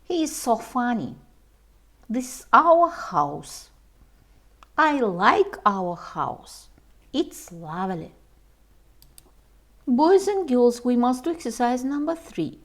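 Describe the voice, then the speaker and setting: A woman reading a homework lesson aloud for young children, slowly and carefully, as their English teacher. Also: fairly high pitch, very animated.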